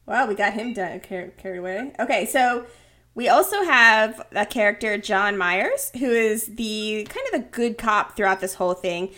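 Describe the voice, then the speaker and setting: A woman co-hosting a podcast, summarizing a movie in a relaxed conversational way. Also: medium pitch, normal speed. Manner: conversational, walks through the plot in summaries. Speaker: podcast co-host. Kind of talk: casual movie review chat.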